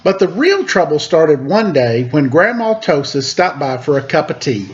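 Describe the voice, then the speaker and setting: The recording is muffled, with slight background noise, as a man with a somewhat high voice and big pitch swings reads a story-time picture book. He's playful and relaxed, stopping to chat casually about the pictures.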